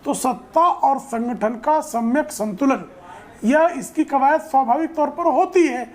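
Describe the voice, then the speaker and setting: A woman's voice: high-pitched, measured pace, a little mellow. A woman making her party's case in a TV debate, with rhetorical lists. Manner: listing and rhetorical. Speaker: party spokesperson. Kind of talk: debate argument.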